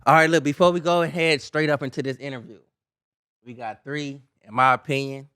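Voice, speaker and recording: A man's voice: medium pitch, steady tone, fairly quick, fairly bright tone, clear, resonant tone, dry recording, studio quality. A man co-hosting a podcast, talking casually in slang and often checking in with "you know what I'm saying". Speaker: podcast co-host.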